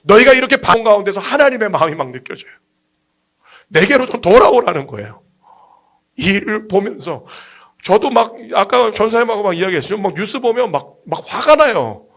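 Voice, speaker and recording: A man's voice: high voice, big pitch swings, fairly quick, a bit bright. A man in his forties, a pastor preaching with passion and heavy emphasis, often repeating himself. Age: 40s. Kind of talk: sermon.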